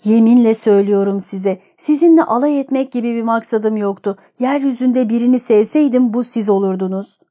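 Audiobook: woman voicing a gentle heroine, quiet and hesitant, mellow tone. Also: a little high, fairly quick, hardly any pauses, close to an everyday voice. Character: young woman, gentle, torn and refusing.

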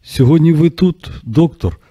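A man's voice: mid-range voice, very animated, fast talker, slightly rough, dry recording, lo-fi sound, voice pushed up. A man voicing a sulky, stammering young female nurse in an audiobook.

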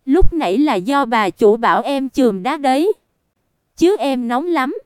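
A flustered, whiny young servant girl from a storybook, as a woman narrator voices her. She complains in a childish way, her voice high and very clear. The sound is dry. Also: expressive, unhurried, no echo.

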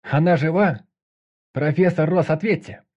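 A man voicing a male squad commander who shouts orders through a wall. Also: a little high, measured pace, dull audio, pitched above the performer's own voice. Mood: commanding.

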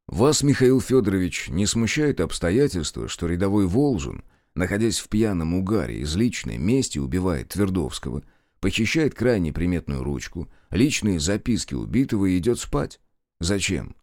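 A man reading as a cold wartime investigator, clipped and probing, speaking in a deep low voice. The sound is dry and close to the mic. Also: big pitch swings, normal speed, a little mellow, no room sound.

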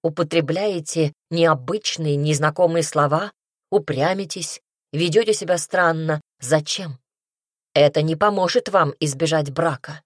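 A woman's voice: low-pitched, measured pace, no room sound, clean studio sound. A woman reading an audiobook, voicing a proud young nobleman who hisses his words in a clipped, reproachful way. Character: cold, proud young nobleman, quick to anger. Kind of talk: audiobook character voice.

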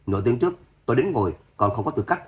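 A man's voice: medium pitch, expressive, very fast, darkish tone, lightly acted. A man voicing a cold, vengeful young son-in-law who speaks harshly in an audio story. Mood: cold scorn.

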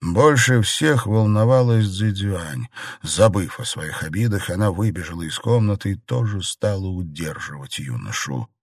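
A man narrating a classic novel as an audiobook in an even storytelling manner. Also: sits low, normal speed, slightly rough, no echo, studio quality.

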